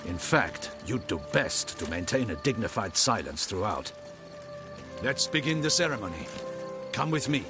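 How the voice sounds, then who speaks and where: An actor voicing a strict, proud guard captain in a video game, speaking in a stiff, commanding, formal manner. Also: male voice, on the low side, very animated, normal speed, over music.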